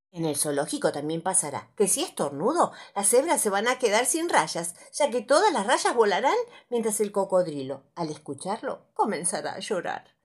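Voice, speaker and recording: A woman reading a playful children's story aloud in a dramatic, very expressive, breathy way. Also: mid-range voice.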